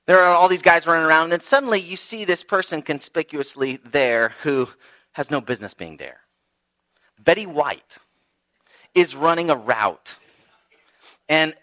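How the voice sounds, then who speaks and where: A man delivering a sermon, his voice riding up and down with lively pitch. He tells stories with big swings between loud, emphatic bursts and hushed, low asides. His voice sits a little higher than most men's. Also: poor audio. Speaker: pastor.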